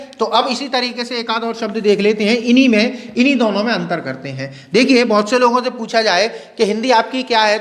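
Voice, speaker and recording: A man teaching Hindi grammar in a video lecture, asking questions and answering them himself and slowly repeating key words. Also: very high-pitched, fairly bright tone. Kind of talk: classroom-style video lecture. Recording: long reverb.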